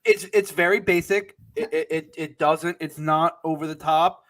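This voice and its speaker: A man's voice: fairly high pitch, fairly even intonation, moderate pace, fairly bright tone. A man co-hosting a soccer podcast in casual chat, often stumbling and restarting his sentences and laughing. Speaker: podcast co-host.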